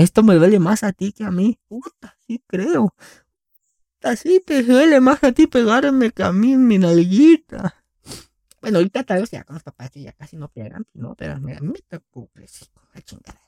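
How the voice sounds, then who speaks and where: A man's voice: fairly high pitch, vocal fry, mellow, husky, dry recording, clean studio sound. A young man with a Mexican accent giving a crude, joking comedic monologue full of slang. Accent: Mexican Spanish.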